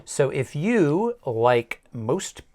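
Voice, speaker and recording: A man's voice: a little high, sing-song, drawn-out words, a little mellow. A middle-aged man co-hosting a local news podcast, chatting casually with wry asides. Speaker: podcast co-host.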